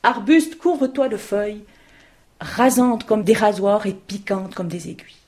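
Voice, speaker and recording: A woman's voice: medium pitch, lively intonation, a little slow, warm tone, natural voice. Tantari, a woman voicing a commanding magical lady. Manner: solemn incantation-like commands.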